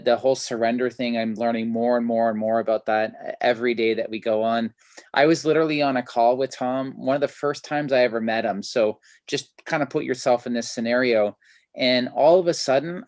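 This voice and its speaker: A man hosts a video-call interview, talking in a chatty, enthusiastic way with plenty of fillers. His voice is mid-pitched and sounds dry and close. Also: steady tone, moderate pace, darkish tone, no room sound. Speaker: host. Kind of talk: casual interview.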